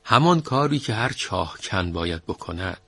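Storybook landowner, stubborn and commanding, gravelly and husky, a man putting it on. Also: low voice, lively intonation, fairly bright tone, no room sound, heavily acted. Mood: stern. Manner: commanding, insistent. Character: stubborn, bossy male landowner master.

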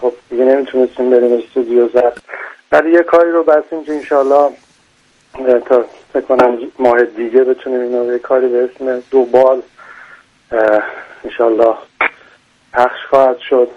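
A man's voice: mid-range voice, fairly even intonation, pauses often, lo-fi sound. A man, a singer, giving a formal, courteous radio interview and then singing. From Iran. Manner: formal, deferential phrasing. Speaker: guest singer.

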